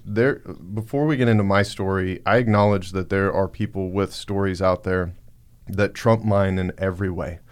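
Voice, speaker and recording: A man's voice: deep voice, darkish tone. A man hosting a podcast, talking earnestly with many fillers and restarts. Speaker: podcast host. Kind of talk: casual podcast talk.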